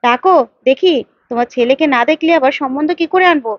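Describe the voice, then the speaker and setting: A woman voicing a sharp young woman in a story, laying a trap with quick, persuasive talk in a high, fast voice. She sounds set on getting her way. The recording is slightly dull and very dry. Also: no room sound, natural voice. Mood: scheming.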